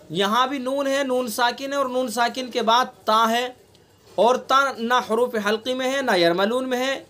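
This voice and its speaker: A man with a Delhi Urdu accent leads an online class on Quran recitation. His voice sits high and he moves at a slow, deliberate pace. He repeats each example patiently, drawing the nasal sounds out long. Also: a bit bright. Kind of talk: online tajweed lesson. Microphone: online class recording.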